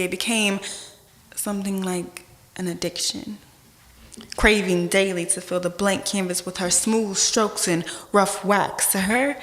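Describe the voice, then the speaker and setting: Echoey spoken word poetry from a woman. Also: mid-range voice. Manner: dramatic rhythmic delivery with deliberate pauses and swells. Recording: echoey hall with long reverb.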